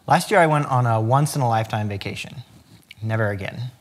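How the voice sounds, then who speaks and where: A man's voice: mid-range voice, fairly quick. A middle-aged man telling clean jokes in a casual, folksy storytelling way, acting out bits of dialogue. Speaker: contestant in a joke-telling challenge. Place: indoor studio set.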